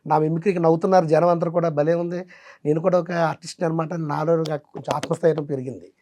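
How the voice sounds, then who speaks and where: Guy talking fast about how he started out as a mimic and singer, eager, words tumbling out. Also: a little high, steady tone, dark tone, a little hiss or hum. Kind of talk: casual interview.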